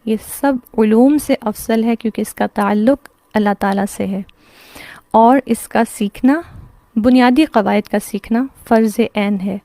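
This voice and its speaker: A woman's voice: a little high, dark tone, dry recording. A woman with a Pakistani Urdu accent teaching an online class on Quran recitation, explaining step by step by asking and answering her own questions.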